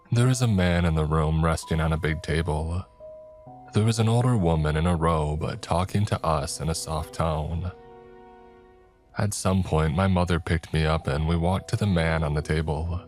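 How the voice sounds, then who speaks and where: A man telling a first-person horror story in a slow, hushed narrating voice. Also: extremely low pitch. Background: faint music.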